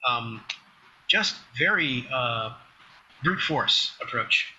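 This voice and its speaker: A man's voice: medium pitch, expressive, drawn-out words, pushed and bright, slight background noise, poor audio. A man presenting at a science journal club, talking casually with frequent restarts. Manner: rambling, many restarts.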